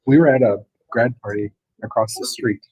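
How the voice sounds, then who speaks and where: A man's voice: mid-range voice, moderate pace, darkish tone, poor audio. A man chatting casually in small talk with colleagues.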